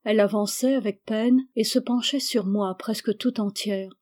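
A woman reads a classic novel aloud with a mellow, warm voice. Her pacing is measured and even, as in literary audiobook narration. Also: medium pitch. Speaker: audiobook reader.

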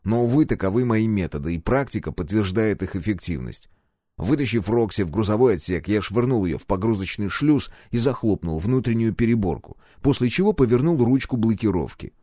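Man narrating an audiobook, lively and dry. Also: fairly low pitch, fairly quick, no room sound. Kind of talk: first-person audiobook narration of science fiction.

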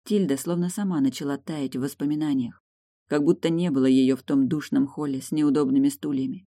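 A narrator reading a novel aloud in a steady, measured way. The voice sits in a middle pitch. The recording is dry and close, with no room around it. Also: dry recording. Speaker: audiobook narrator. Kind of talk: scripted narration.

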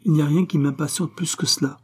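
A man's voice: fairly high pitch, steady tone, fast talker, slightly rough, pitched above the performer's own voice. Man voicing an earnest young fiancée. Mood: pleading. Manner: pleading, insistent.

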